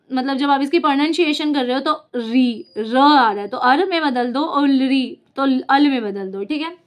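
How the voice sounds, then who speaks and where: Young woman, teacher, high voice, casual lesson at a board, asks questions and answers them herself.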